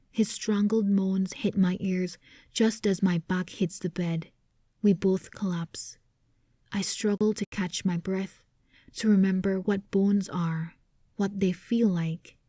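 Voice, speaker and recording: Slow, hushed woman narrating romance. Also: mid-range voice, no echo, clean studio sound. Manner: hushed, often sliding into a whisper. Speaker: audiobook narrator. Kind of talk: first-person romance audiobook narration.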